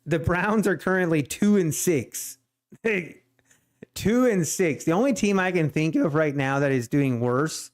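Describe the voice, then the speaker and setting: On a day trading live stream, an Ohio man with a Swiss German accent talks casually in a fairly high, animated voice at a measured pace. His exasperated rant rambles, full of restarts and repeated phrases.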